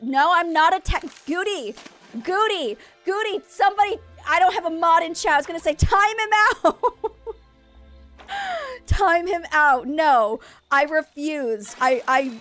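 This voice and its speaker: A woman's voice: high voice, a bit bright. A woman from Maine streaming a game, chatting in a rambling way with her viewers and laughing often. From Maine, USA. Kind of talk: casual chat while streaming a game.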